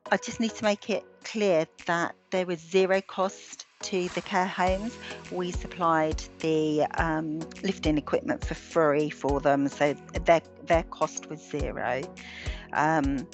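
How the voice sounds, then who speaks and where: A British woman presents slides in a webinar, her slightly low voice steady yet halting, with frequent ums and restarts. She is losing her voice. Faint music can be heard behind her on the call.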